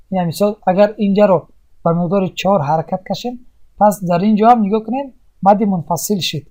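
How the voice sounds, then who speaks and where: A recitation teacher giving a tajweed lesson, explaining step by step with pauses and asking and answering their own questions. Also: medium pitch, warm tone.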